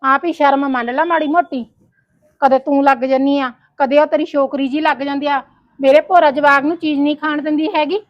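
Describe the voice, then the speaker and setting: A woman playing a sharp-tongued nagging wife. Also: high voice, steady tone, a little fast, highs cut off, close to an everyday voice. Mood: scolding. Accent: Punjabi. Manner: scolding and sharp. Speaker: quarrelsome wife and sister-in-law. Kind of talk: comic family drama acting.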